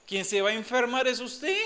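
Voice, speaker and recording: A man preaches a lively sermon in a church and keeps drawing the congregation in. His voice sits high for a man and sounds bright and forceful. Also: moderate pace. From Colombia. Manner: animated preaching, asks congregation for amen. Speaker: pastor.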